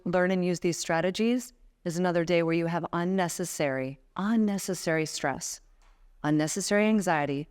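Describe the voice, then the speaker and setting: A woman in her thirties, her voice low-ish and clean, speaks as a guest at a live motivational event. She talks emphatically, building toward passionate exhortation.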